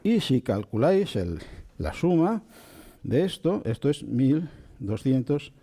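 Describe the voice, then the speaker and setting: A man giving a slow, calm lecture on spiritual texts, checking in often with his listeners. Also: medium pitch. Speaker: spiritual teacher. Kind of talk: calm spoken lecture on Kabbalah.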